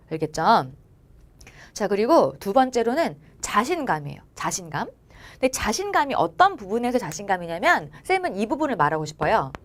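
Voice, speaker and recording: A young woman teaching at a cram school, giving a motivational talk to exam students and coaxing them along with frequent check-ins. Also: medium pitch. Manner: coaxing, often asks "알겠죠?" and acts out students' and teachers' lines. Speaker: academy teacher.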